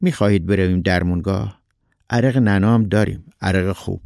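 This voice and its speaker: A man's voice: deep voice, gravelly, a little mellow, dry recording, studio quality. A man voicing a polite, fussing middle-aged male neighbor in a read-aloud story. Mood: concerned. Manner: courteous, fussing, quick to reassure.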